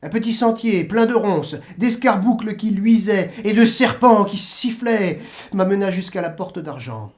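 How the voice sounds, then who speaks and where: Man, French accent, expressive story reading, theatrical, unhurried, lively pitch. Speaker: reader of a classic story.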